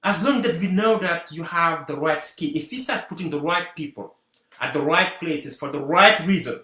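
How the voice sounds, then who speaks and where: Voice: medium pitch, normal speed, bright, forceful tone. A guest from Senegal, giving an earnest talk on community unity and repeating rallying phrases. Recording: roomy echo.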